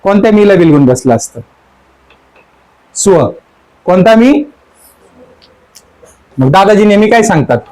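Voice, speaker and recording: A man's voice: high-pitched, very animated, a little slow, pauses often, a little mellow, poor audio. A man, a spiritual teacher, giving a sermon that explains song lyrics. He keeps asking his listeners questions and repeats the song line again and again. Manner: asks the audience question after question.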